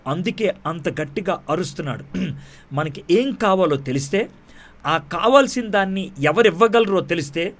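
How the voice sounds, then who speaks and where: A male pastor, his voice sitting a touch high for a man. He preaches with rhetorical questions and restates points slowly in English. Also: animated. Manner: preaching in Telugu, repeating key lines in slow English. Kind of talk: sermon.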